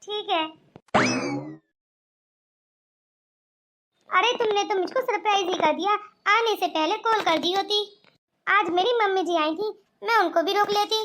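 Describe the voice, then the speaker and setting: A gentle young daughter-in-law in a cartoon story, voiced by a woman. She pleads and reassures in an earnest way, her voice very high and bright. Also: normal speed. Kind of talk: cartoon voice acting.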